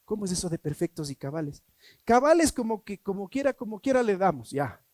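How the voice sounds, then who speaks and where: A man preaching a sermon as pastor, emphatic, swinging between loud and hushed, asking rhetorical questions. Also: high voice, very animated, a little fast, no room sound. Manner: acts out quoted voices in a mocking tone.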